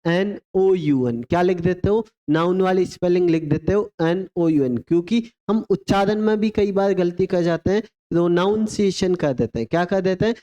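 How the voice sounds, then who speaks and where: A man's voice: sits high, moderate pace, few pauses, dark tone, lo-fi sound. A man teaching an exam vocabulary lesson, spelling words out letter by letter and asking questions that he answers himself. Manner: call-and-response drilling, spells words letter by letter; asks rhetorical questions then answers them. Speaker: English teacher.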